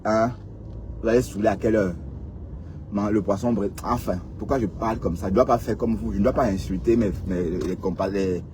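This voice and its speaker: Brisk and fairly low-voiced with a dark tone, a Cameroonian man riding in a vehicle rants sarcastically at his audience, tossing out rhetorical questions. A little hiss or hum can be heard.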